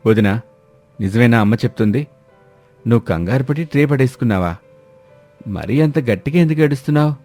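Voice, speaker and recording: A man's voice: medium pitch, expressive, fairly quick, long pauses, mellow, soft background music. A male narrator voicing an earnest, concerned young man who keeps asking what happened. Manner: earnest, questioning.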